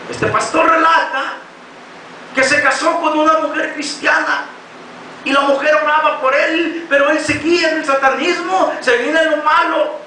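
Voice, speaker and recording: A high-pitched male preacher with a Mexican accent, his bright voice ringing out through a very echoey church hall. He preaches with passion and often breaks into shouts. The mic sits some way off from him, and a faint room noise hangs behind. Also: steady tone, moderate pace, far from the mic. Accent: Mexican Spanish. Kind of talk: sermon.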